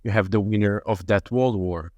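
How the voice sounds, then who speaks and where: A man hosting a casual podcast, asking questions in a halting way and searching for words. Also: on the low side, a little mellow. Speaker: podcast host.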